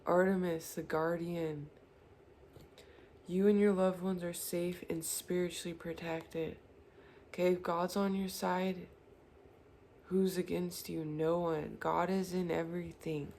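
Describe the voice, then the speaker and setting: Tarot reader, woman, mellow dark tone, earnest and reassuring, faint noise behind. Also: on the low side, flat delivery, slow pace. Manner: earnest, reassuring, addresses viewer directly. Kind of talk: spiritual tarot reading.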